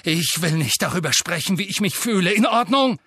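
A man voicing a furious, grieving teenage boy wizard who shouts with a trembling voice. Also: mid-range voice, lively intonation, very slow, gravelly, breathy edge, heavily acted.

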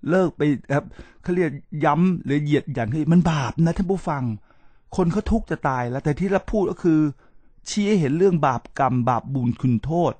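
A man's voice: fairly high pitch, darkish tone, no echo. A middle-aged man hosting a talk show, lecturing his listeners in a preachy way and often stopping to address them and spell out English terms. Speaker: podcast host.

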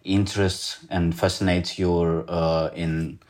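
Man, very deep voice, monotone, rambling interviewer. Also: slow pace. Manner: long rambling questions with many "uh"s. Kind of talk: interview questions.

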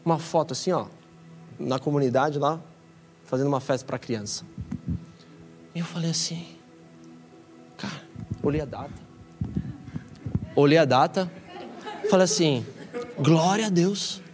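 A young Brazilian man preaches in a church, his voice sitting a little high as he tells a story in loose, slangy talk. He has a Brazilian Portuguese accent and breaks into excited, rising bursts. Soft music plays faintly behind him. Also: normal speed, pauses often, some chatter behind. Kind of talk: sermon storytelling. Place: church hall.

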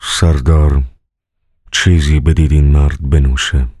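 A man doing a slow, stern devil. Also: a bass voice, level tone, a little mellow, breathy edge, dry recording, clean studio sound. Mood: commanding. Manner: slow, commanding.

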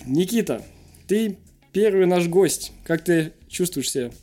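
Guy hosting a casual chat show, mellow voice, burry r's, jokey, bit of music behind. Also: sits high, expressive, a little slow. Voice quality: burrs his r sounds. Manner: joking, self-deprecating. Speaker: interview show host.

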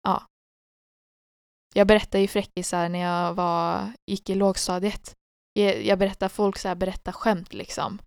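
A woman from co-hosting a podcast in casual chat, ironic and lively when telling stories. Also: mid-range voice, gravelly, clean tone, dry recording, studio quality. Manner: playful, ironic, animated storytelling. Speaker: podcast co-host.

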